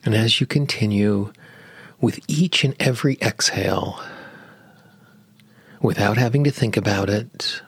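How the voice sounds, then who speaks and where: A man with a gravelly, husky, slightly low voice leads a guided relaxation, drawing out every phrase very slowly and softly. Now and then he drops into a near whisper. The recording is dry and close. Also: dry recording. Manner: slow, soothing, drawn-out phrasing with long pauses. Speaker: meditation guide.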